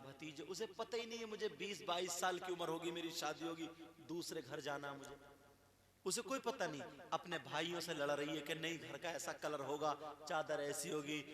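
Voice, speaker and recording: A man giving an animated sermon, acting out household quarrels and rising to shouts. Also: fairly high pitch. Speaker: Islamic preacher. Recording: echoey hall with crowd.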